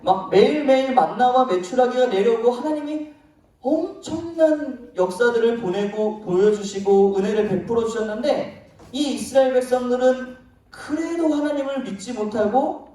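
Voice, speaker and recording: A man preaching a children's sermon in a church sanctuary, telling the story in a lively way and asking the children questions. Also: extremely high pitch, moderate pace. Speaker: pastor. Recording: very echoey hall, voice from far off.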